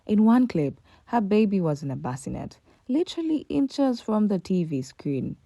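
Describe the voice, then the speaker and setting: A woman's voice: medium pitch, sing-song, normal speed, dark tone, no echo. A woman reading a scripted commentary voice-over, emphatic and full of rhetorical questions. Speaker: commentary narrator.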